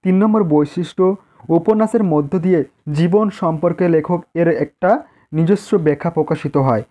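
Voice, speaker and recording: In a warm, slightly high voice and at a slightly fast pace, a man with a Bengali accent teaches exam prep. He reads answers out point by point as dictation, repeating phrases and stressing key terms for students.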